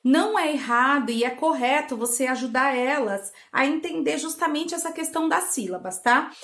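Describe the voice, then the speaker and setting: Female host in her thirties from Brazil, high voice, coaxing and playful, recorded in an echoey bedroom at home. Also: normal speed. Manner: warm, coaxing, acts out playful dialogue with a child. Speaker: channel host giving parenting tips. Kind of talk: casual home teaching talk.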